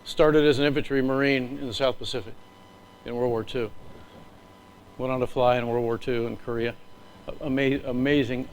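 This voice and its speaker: A middle-aged man, an Air Force leader, gives an earnest, emotional speech from slides with measured pauses. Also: mid-range voice, slight background noise, low-quality recording.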